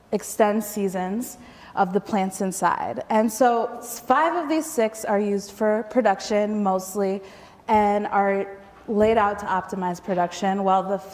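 A woman's voice: medium pitch, darkish tone. Young woman telling a story in a hall. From Michigan, United States. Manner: casual and conversational, with frequent ums and light laughs. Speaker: storyteller at a food event. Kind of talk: personal storytelling talk. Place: lecture hall with projector screen. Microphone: lapel mic. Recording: reverberant hall.

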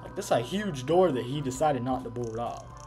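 A man's voice: medium pitch, lively intonation, fairly quick. Male let's-player, jokey and teasing, bouncy delivery over game music. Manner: playful, keeps teasing then saying he is joking. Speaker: gaming YouTuber. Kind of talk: let's play commentary.

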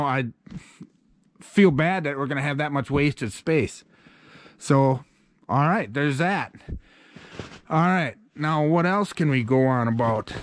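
Casting: middle-aged homesteader man, folksy and plainspoken, voice sitting a touch high, action-camera sound inside a bare wooden barn. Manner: folksy, plainspoken, rambling with fillers. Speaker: homesteader vlogger. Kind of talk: casual walkthrough talk. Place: outdoors in snow, then inside an unfinished wooden barn loft. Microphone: handheld or head-mounted action camera.

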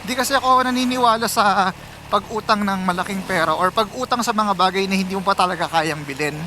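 Background noise accompanies a Filipino motorcycle vlogger who chats with viewers in a high-pitched voice at a fairly quick pace as he rides outdoors on city roads, weaving English phrases into the conversation.

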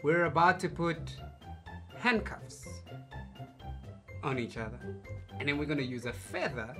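A man co-hosting a casual couple challenge vlog, playful and teasing, often bursting into loud laughter. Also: fairly high pitch, animated, a little slow, over music. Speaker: vlogger co-host.

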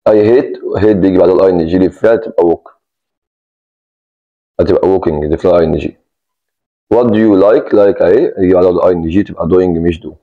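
This Egyptian-accented English grammar teacher speaks low and fairly quickly but with long pauses, his audio narrow and tinny. He breaks things down step by step, repeats key words and keeps emphasizing "take care".

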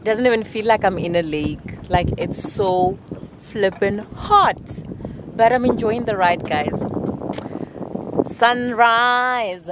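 With background noise behind her, a young woman in her twenties vlogs her travels from a lake boat, speaking slowly in a slightly high voice. Camera in hand at arm's length, she chats animatedly and calls out excitedly to viewers.

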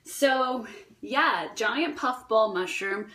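In a fairly high, bright, forceful voice that draws out her words, a holistic health vlogger with a New Jersey accent walks her viewers through foraging and cooking mushrooms. Her casual vlog is chatty, playful and rambling.

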